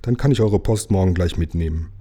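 A man's voice: low-pitched, a little fast, warm tone. A man reading aloud, voicing an apologetic, slightly plaintive mail carrier in a children's story. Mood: plaintive, polite. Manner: apologetic, anxious.

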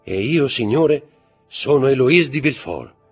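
A man's voice: medium pitch, animated, unhurried, slightly rough, soft background music, voice pushed up. A man voicing a frantic noble Parisian mother, pleading and crying out, in an audiobook reading. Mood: anxious. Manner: pleading, breathless, cries out.

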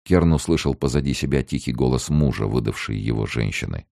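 A man reading a novel aloud as an audiobook narrator, in a steady, measured storytelling manner. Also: a bass voice, gravelly, dry recording, studio quality. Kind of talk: scripted narration.

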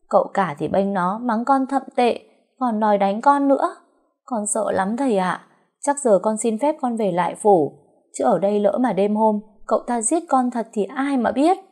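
A woman's voice: mid-range voice, pitched above the performer's own voice, close to an everyday voice. A woman voicing a brash, tipsy, scheming young wife who wails theatrically. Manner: loud, theatrical, wheedling wails.

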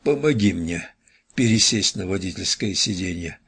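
A man voicing a dying, overweight man who wheezes and pleads in a hoarse, husky voice while coughing up blood. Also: deep voice, expressive, moderate pace, fairly bright tone, full character voice. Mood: weak.

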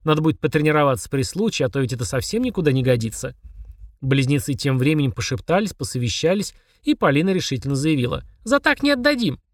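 A man narrating a comic fantasy audiobook in an expressive, wry manner. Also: mid-range voice, fast, dry recording, clean studio sound. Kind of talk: scripted narration.

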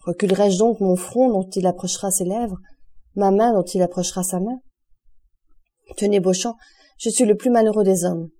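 An anguished, proud young nobleman pouring out his feelings with impassioned outbursts in a classic audiobook, as a woman reader puts him on. The tone stays dark and mellow. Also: high-pitched, fairly even intonation, moderate pace, long pauses. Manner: impassioned, emotional, exclamatory.

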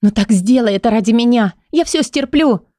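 A woman's voice: on the high side, lively intonation, normal speed, dark tone, no echo, studio quality, lightly acted. A woman voicing a young heroine desperately in love, pleading in a raised, emotional voice.

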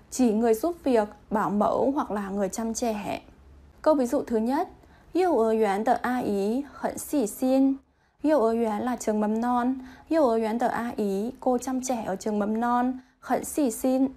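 A woman teaching vocabulary, reading example sentences slowly and then translating them word by word. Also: a little high, mellow. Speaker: Chinese language teacher.

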